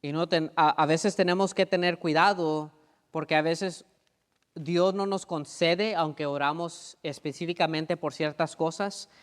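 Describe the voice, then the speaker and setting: A male pastor delivers a sermon in a conversational, back-and-forth manner. He often checks that the congregation is following and repeats phrases for emphasis. His voice sits a little high, and it rings out with a long reverb in a church sanctuary. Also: fairly even intonation, a little slow, clean tone. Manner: conversational preaching, keeps asking "¿verdad?".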